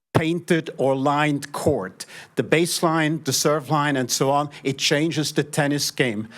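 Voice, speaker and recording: A man in a town meeting room, making his public comment in an earnest, direct way. His voice sits a little higher than most men's. He keeps checking in with his listeners with a quick "right?".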